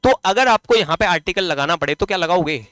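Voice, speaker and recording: High-voiced Indian teacher quizzing students. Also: male voice, lively intonation, a bit bright, clean tone, dry recording. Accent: Hindi. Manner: asks the class questions and answers them himself; stretches key words slowly while writing on the board. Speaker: English grammar teacher. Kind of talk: classroom lecture on articles.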